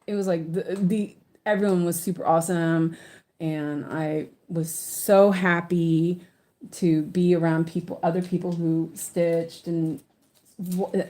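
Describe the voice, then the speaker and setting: She has a warm, somewhat low voice and speaks English as her first language, having come from an English-speaking country to live in Sweden. As host of a stitching channel, she chats casually while working on a project, rambling and often starting her sentences over.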